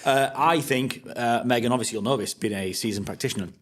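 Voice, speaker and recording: A man's voice: mid-range voice, fast talker. A man competing in a workplace quiz, joking and boasting as he rambles through his answers. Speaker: quiz contestant. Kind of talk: playful competitive banter. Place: office studio.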